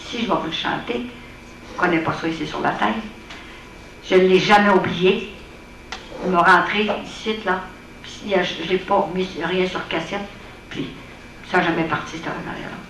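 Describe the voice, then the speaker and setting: At an evening prayer gathering in a hall, a woman with a Quebec French accent gives earnest, plain-spoken personal testimony to the audience. Her voice is fairly low and fairly bright, captured from far off in an echoey room with faint hiss.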